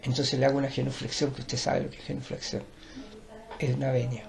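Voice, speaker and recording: A man's voice: mid-range voice, monotone, fast, vocal fry. An older man with a Chilean accent, a teacher and performer, talking in a digressive, lecturing way with many restarts. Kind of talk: rambling conversational interview.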